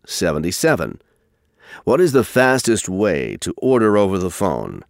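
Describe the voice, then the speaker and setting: Low, animated male exam narrator. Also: gravelly, dry recording, clean studio sound. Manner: formal, deliberate announcing. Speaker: listening test narrator. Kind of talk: scripted exam instructions.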